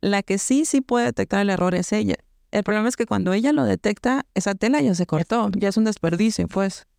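Mexican woman with a gravelly, smooth voice. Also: medium pitch, brisk, dry recording, studio quality. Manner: animated, slangy, acts out voices in anecdotes. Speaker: podcast co-host. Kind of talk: casual storytelling chat.

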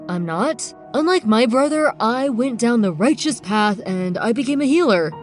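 A woman voicing a modest, gentle young male healer in a kids' story. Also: a little high, expressive, normal speed, soft background music, lightly acted. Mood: reassuring. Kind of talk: storybook podcast acting.

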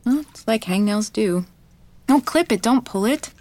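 A woman's voice: on the high side, animated, a little slow, warm tone, no room sound. A woman playing an anxious wife hoping to adopt, who keeps apologizing and talks herself through things in an audio drama. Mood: tender. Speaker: wife preparing for an adoption home visit.

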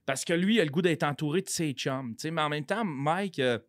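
A man's voice: on the high side, fairly quick, no room sound, clean studio sound. A man with a Québécois French accent, a podcast guest rambling in casual chat, swearing freely and slipping in English phrases.

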